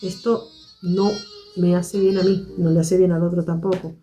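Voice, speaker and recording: A woman hosting a live stream, speaking to her viewers in a measured, reflective way and repeating her key points. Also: on the low side, flat delivery, warm tone, faint music behind.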